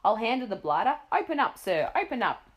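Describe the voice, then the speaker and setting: Storybook voice: a woman plays a pompous, bellowing old duke, excitable and loud. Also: dull audio. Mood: blustering. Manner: booming, pompous, hurried shouts.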